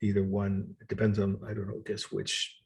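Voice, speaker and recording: A man giving a college art history lecture, explaining patiently and slowly spelling out words for his students. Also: fairly low pitch, completely flat delivery, gravelly, a little mellow, a little hiss or hum.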